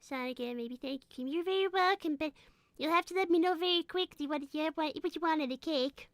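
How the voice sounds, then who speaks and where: A woman's voice: high voice, fairly quick, dry recording, studio quality, lightly acted. A woman voicing a young, polite, anxious rabbit girl with a prim, earnest manner in a live cartoon roleplay.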